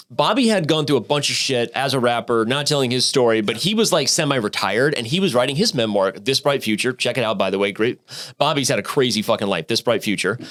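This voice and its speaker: A man in his thirties from Arizona, a podcast guest telling his story in a lively, profane way with many restarts and fillers. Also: medium pitch. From Arizona, United States. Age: 30s. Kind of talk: casual storytelling interview.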